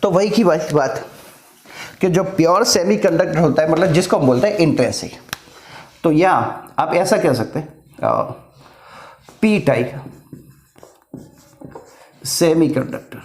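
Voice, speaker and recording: A man's voice: fairly high pitch, animated, a little slow, pauses often, darkish tone. A middle-aged man teaching a physics lesson, explaining step by step and mixing in English terms. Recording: echoey room.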